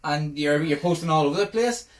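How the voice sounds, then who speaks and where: A man's voice: a little high, a little fast. A middle-aged man with a Northern Irish accent hosting a podcast in casual, jokey chat full of laughter. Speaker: podcast host.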